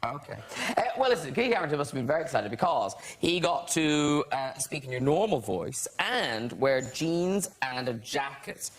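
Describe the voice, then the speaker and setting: A man's voice: on the high side, sing-song, normal speed, few pauses. A man hosting a television chat show, teasing and giggling as he interviews his guests. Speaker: talk show host. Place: television studio with audience. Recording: loud background noise.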